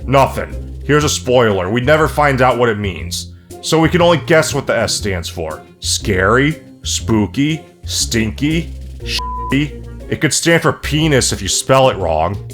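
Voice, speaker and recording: A man narrating a comedic movie review in a sarcastic, profane, deadpan way. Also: mid-range voice. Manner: snarky, profane, deadpan jokes.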